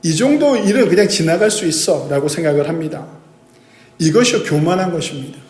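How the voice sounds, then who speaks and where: A pastor preaching a sermon, asking the congregation questions and answering them himself. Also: male voice, on the high side, animated, a little fast, a little mellow. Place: church sanctuary. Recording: echoey church hall.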